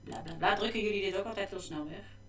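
A woman's voice: mid-range voice, quick pace, distant mic, soft background music. A woman, chatting casually and exclaiming as she plays a game at her computer. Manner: chatty, easily distracted, exclaiming. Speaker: gaming vlogger. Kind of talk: casual gameplay commentary. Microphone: desk microphone. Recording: echoey room, mic off to the side.

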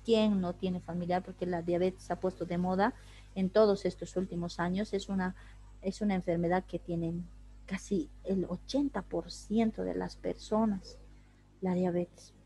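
A woman's voice: fairly low pitch, fairly even intonation, normal speed, mellow, husky. Woman, anatomy teacher, online lecture, rhetorical questions, explanatory. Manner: explanatory, asks rhetorical questions and answers them. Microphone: video call.

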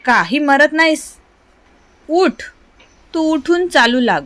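A woman's voice: sits high, lively intonation, slow pace, a bit bright, pitched above the performer's own voice, heavily acted. A woman doing a stern, scolding village mother. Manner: firm scolding.

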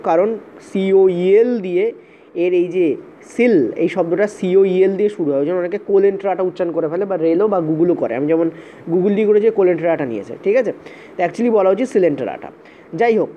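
In this exam-prep lecture, the teacher talks fast in a mid-range voice, repeats points, frequently checks in with "okay," and spells out terms letter by letter. Faint hiss sits over the dull, slightly lo-fi recording.

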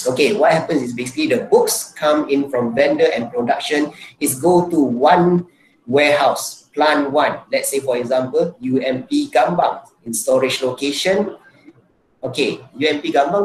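Man lecturing in an echoey room. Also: mid-range voice. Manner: explains with repeated "let's say, for example" and "basically". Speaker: university lecturer. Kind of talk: online lecture over slides. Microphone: computer mic on a video call. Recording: echoey room with faint hiss.

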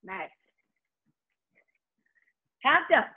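A breathy-voiced woman, a fitness instructor and host, leads an aerobics workout with upbeat, encouraging cues and urging commands. She speaks very slowly, and the audio has a phone-like quality.

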